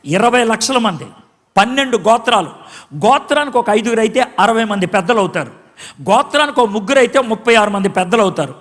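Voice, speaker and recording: A pastor giving a dramatic sermon, acting out quotes and swinging between shouts and hushed tones. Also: male voice, sits high, in a large hall. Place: church hall.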